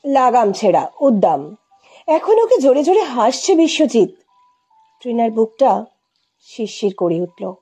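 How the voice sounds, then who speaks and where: A woman narrating a story in a measured, expressive reading. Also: on the high side, slightly rough.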